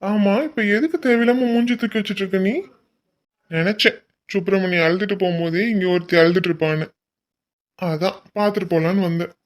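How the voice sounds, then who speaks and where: A woman's voice: medium pitch, a little fast, natural voice. A young husband in a cartoon teases his wife in a playful way, voiced by a woman. His voice sits in a plain middle range. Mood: teasing. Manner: teasing. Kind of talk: cartoon voice acting.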